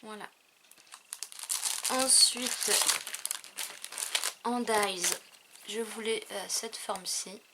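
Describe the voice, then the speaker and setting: A woman's voice: medium pitch, fairly even intonation, drawn-out words, long pauses. Woman, craft haul chat, lots of fillers, noisy recording. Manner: hesitant, many fillers, trailing off. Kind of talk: casual chat showing purchases.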